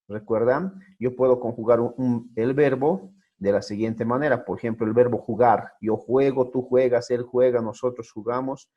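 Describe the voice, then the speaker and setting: A man's voice: medium pitch, warm tone. A man teaching Bible Greek in an online class, who talks patiently, repeats his points and keeps checking that students follow. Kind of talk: recorded online class lecture.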